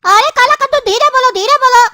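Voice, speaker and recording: A timid, cranky cartoon kid brother whines and complains, voiced by a woman. The voice is squeaky high and bright, with faint music beneath. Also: fast, no echo, studio quality, heavily acted. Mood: whiny. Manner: whiny, complaining. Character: Gora Kaddu, whiny younger brother, timid and cranky. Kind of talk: cartoon dubbing.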